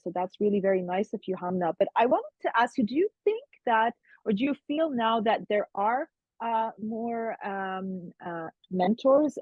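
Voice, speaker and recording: A woman's voice: mid-range voice, breathy edge, no echo. A woman interviewing a guest in casual conversation, talking in a chatty way with lots of fillers and restarts over a video call. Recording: tinny phone-like line, dry.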